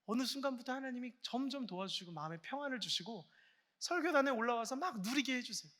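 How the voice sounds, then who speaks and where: A man preaching to a congregation in a large church sanctuary, speaking into a pulpit microphone. His voice sits high and sounds bright and sharp. He swings between hushed, almost whispered lines and loud, exclaiming calls, and a long reverb hangs behind every phrase. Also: lively intonation, fast. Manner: earnest and encouraging, speaking directly to the congregation. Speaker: guest pastor preaching. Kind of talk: sermon at a Friday night prayer meeting.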